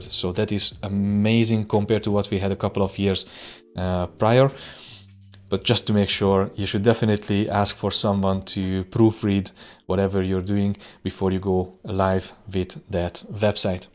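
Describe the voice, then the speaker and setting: Speaking at a measured pace over soft background music, this low-voiced web design instructor, a native Hungarian speaker, walks through screen-recording software. His delivery is relaxed and tentative, peppered with "uh" and false starts.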